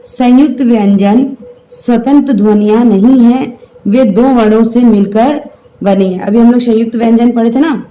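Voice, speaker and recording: Mellow-voiced woman teaching a grammar lesson. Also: fairly high pitch, moderate pace, muffled recording. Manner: explains step by step, asks students to repeat sounds aloud.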